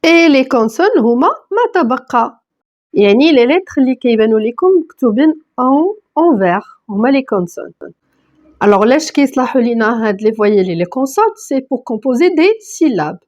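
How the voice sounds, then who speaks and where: Female teacher, a touch high-pitched, patient and methodical in her explanations. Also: big pitch swings, quick pace, a little mellow. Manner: patient, step-by-step explaining, reading words out one by one. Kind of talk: online grammar lesson.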